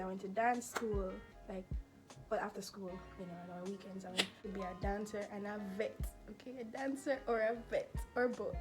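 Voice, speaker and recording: In a roughly recorded Q&A vlog, a nineteen-year-old from Jamaica talks casually in a mid-range voice with a Jamaican accent. She laughs a lot and leans on fillers like "you know" and "like".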